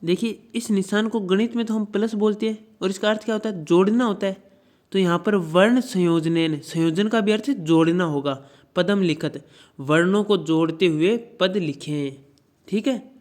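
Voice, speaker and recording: A teacher explaining word meanings to children, pronouncing each word slowly and often repeating it. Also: mid-range voice, darkish tone. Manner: slow repeated pronunciation drills; addresses children directly, checks with "ठीक है".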